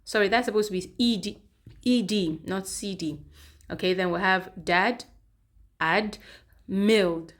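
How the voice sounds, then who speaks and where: A woman's voice: medium pitch, measured pace, pauses often. A woman teacher giving a step-by-step pronunciation lesson, repeating sounds and checking in with "okay". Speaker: English teacher. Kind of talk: classroom-style pronunciation lesson.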